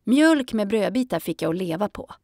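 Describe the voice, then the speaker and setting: A woman narrating a children's audiobook in a calm storytelling manner. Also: medium pitch, no room sound, clean studio sound.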